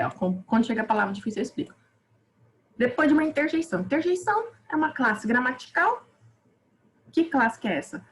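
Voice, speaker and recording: A woman teacher with a Brazilian Portuguese accent, giving a quick, informal grammar review with lots of self-interruptions. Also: a little high, breathy edge, rough recording. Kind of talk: online grammar review lesson.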